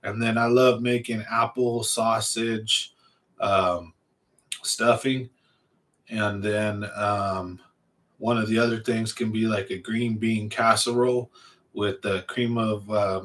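A man's voice: fairly low pitch, flat delivery, takes it slowly, fairly bright tone. Male host, 40, fishing livestream, easygoing and rambling; small home room, big studio mic up close. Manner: rambling, laid-back, reads and answers chat. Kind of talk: casual livestream chat. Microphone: large studio mic on a stand in front.

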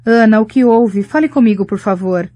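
A woman reading the part of a gentle, anxious mother calling her daughter. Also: medium pitch, a little fast, no echo, natural voice. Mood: tender, concerned. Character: warm worried middle-aged mother on the phone.

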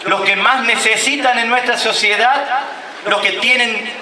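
A man's voice: extremely high pitch, measured pace, sharp tone, a little hiss or hum. A man in his thirties with an Argentine accent, a mayor reading a formal speech at an outdoor ceremony. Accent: Argentine Spanish. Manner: declamatory, reading a prepared speech. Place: outdoor covered stage at a public ceremony. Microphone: stand mic at a lectern. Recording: echoey outdoor PA sound from far off.

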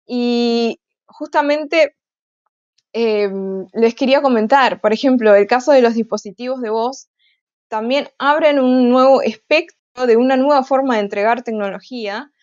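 A woman's voice: on the high side, darkish tone, no echo, muffled recording. A woman giving an online tech conference talk, hesitant, with frequent filler sounds and restarts. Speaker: conference speaker.

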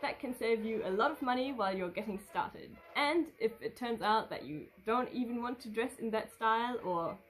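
Speaking at normal speed with few pauses, this expressive, higher-pitched woman is a native German vlogger in her twenties who covers vintage fashion. She chattily reads out fan questions and rambles through answers in a casual living-room video, red curtain and sofa behind her. Soft music runs underneath, and the recording is rough.

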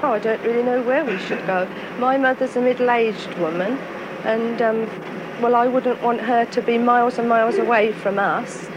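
A woman's voice: on the high side, steady tone, normal speed, dull audio. A woman who lives in the village, answering an interviewer in an unsure, hesitant way. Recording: noisy old film soundtrack.

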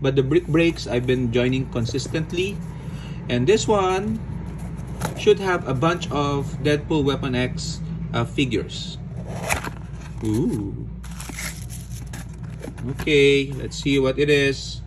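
A man from the Philippines casually narrating an unboxing, relaxed, with frequent "okay"s and fillers. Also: medium pitch, takes it slowly, pauses often. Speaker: unboxing vlogger. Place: indoors at a table. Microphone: phone or camera filming hands overhead. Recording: home recording with audible background noise.

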